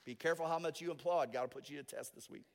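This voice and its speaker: A man preaching a sermon as pastor, moving between soft, intimate asides and loud, emphatic declarations. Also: fairly high pitch, racing, long reverb tail.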